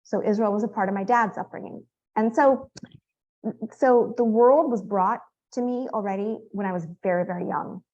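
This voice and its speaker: A woman's voice: mid-range voice, moderate pace, a little mellow, highs cut off. A woman in her fifties from California, an author telling family stories in a conversational interview, rambling with fillers and restarts. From San Francisco Bay Area, California. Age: 50s. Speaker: author guest.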